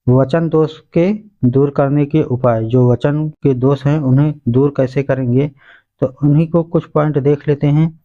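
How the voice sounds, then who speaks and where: In this exam revision lesson, the teacher addresses his listeners as friends while covering questions and answers one point at a time. He has a medium-pitched, dark-toned voice, and the highs in the recording are cut off.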